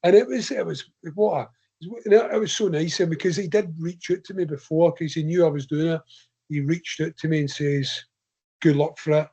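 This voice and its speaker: A man's voice: fairly high pitch, normal speed, dark tone, breathy edge. A man with a Scottish accent, a podcast guest, telling long rambling anecdotes in a casual interview. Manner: long rambling anecdotes told in his own voice. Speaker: guest ultra runner.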